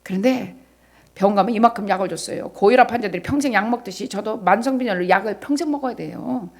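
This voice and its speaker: A middle-aged woman pastor giving a sermon, moving between soft asides to the congregation and loud, shouted exhortation, and acting out God's words as direct speech. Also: medium pitch, fast. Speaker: senior pastor.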